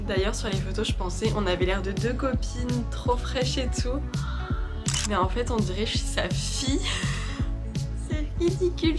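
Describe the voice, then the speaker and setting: A woman vlogger and street-style photographer, casually telling her story in a voice-over with lots of fillers. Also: medium pitch. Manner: chatty, animated, frequent fillers. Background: background music.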